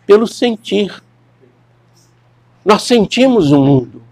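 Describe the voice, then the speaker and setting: Guy lecturing a class, gravelly voice, kinda high, dry sound. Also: expressive, takes it slowly, a little mellow, dry recording. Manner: discursive, repeats words, asks students questions.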